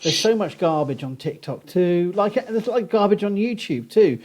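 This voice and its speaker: A man with a posh Southern English accent, talking conversationally as an archaeologist guest on a podcast, explaining things in an animated academic way. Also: sits high, normal speed.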